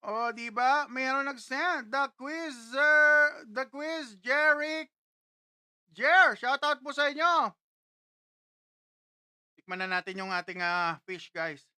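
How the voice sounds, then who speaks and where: A woman hosts a casual live stream from a studio, greeting viewers by name one after another and tasting dishes on camera. Her voice sits high and bright, and she speaks at an unhurried pace. The sound is dry and close, with no room echo. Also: clear, resonant tone.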